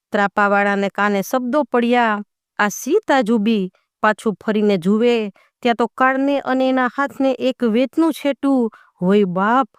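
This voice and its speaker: A woman with a smooth, resonant voice pitched slightly high narrates a traditional folk tale. She speaks close to the mic in a dry, dead room with no echo. She draws out the tense moments, slowing and lingering over them. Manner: slows and lingers on dramatic lines. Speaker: storyteller.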